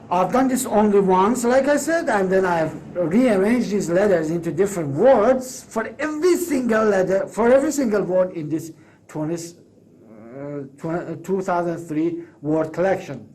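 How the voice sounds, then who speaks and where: Here a man with a darkish tone, a native Persian speaker, pitches his proposal as a course creator talking solo to camera. His manner is emphatic and persuasive, and he keeps restarting to correct himself.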